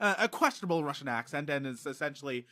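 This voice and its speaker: A man's voice: on the high side, animated, fast, sharp tone. A man hosting a podcast, chatting casually with lots of fillers and frequent laughter. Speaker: podcast host. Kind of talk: casual chat.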